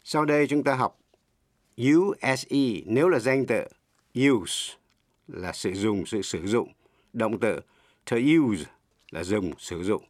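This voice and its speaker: A middle-aged man teaching English in Vietnamese, a native Vietnamese speaker who explains slowly and spells words out letter by letter. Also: lowish voice, animated, darkish tone, dry recording, clean studio sound, faint music behind. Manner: slow, deliberate, spells words letter by letter and repeats examples.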